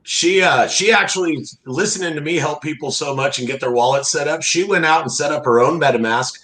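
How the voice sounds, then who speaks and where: A man's voice: a little high, fairly quick, a bit bright. A middle-aged man chatting casually as an interview guest, plain-spoken and folksy in a laid-back way. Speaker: interview guest, crab fisherman. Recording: roomy, echoey sound.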